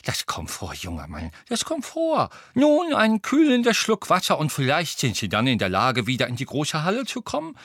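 A male audiobook narrator voicing a gentle, fussy, frail old wizard over 70 who soothes a shaken student. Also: fairly high pitch, huge pitch swings, normal speed, few pauses, dry recording, clean studio sound, voice pushed up, heavily acted. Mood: kindly. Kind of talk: audiobook character voice.

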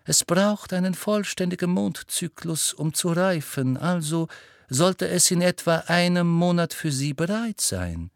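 A man's voice: high voice, expressive, a little slow, no room sound, clean studio sound, voice pushed up, heavily acted. Snape, a cold sneering teacher, as a man plays him. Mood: cold sardonic. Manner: cool, smooth, sardonic drawl.

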